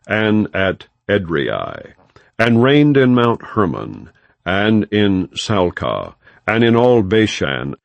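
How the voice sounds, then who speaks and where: Reading scripture for an audiobook, a low-voiced man keeps his delivery plain and undramatized, though his pitch ranges widely. His phrasing is solemn and measured, and his voice has a creaky edge. The recording is dry, with no echo.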